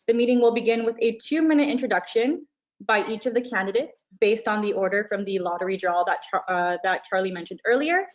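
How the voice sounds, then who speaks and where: A woman's voice: mid-range voice, a little fast. A woman moderating an online forum, talking casually with lots of ums. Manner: casual, filler-heavy, friendly. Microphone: video call. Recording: dull lo-fi video call audio.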